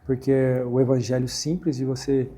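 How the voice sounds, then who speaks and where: A middle-aged Brazilian man, a former footballer, talking reflectively about faith in a casual conversation and quoting scripture, with a husky voice. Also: mid-range voice, level tone, moderate pace, dark tone. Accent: Brazilian Portuguese. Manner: reflective, quotes scripture, many "né" and "assim" fillers. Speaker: guest, former footballer and speaker.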